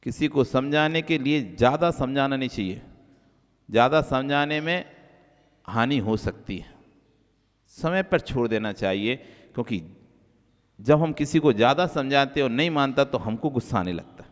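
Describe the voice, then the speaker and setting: Jain monk preaching in a reverberant hall. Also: male voice, moderate pace, pauses often. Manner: repeats key phrases for emphasis; swings between soft low asides and raised emphatic lines. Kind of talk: sermon.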